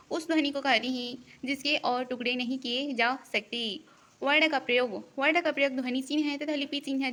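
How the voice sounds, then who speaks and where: Woman teacher, fairly high bright voice, steady read-aloud definitions for an exam-prep lesson. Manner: reads definitions in a steady, deliberate teaching cadence.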